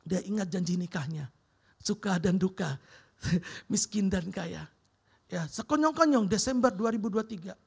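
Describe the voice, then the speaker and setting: Gravelly middle-aged male preacher. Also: high voice, unhurried. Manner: lively storytelling, calls the audience "Bro". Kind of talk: sermon with personal testimony. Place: church sanctuary.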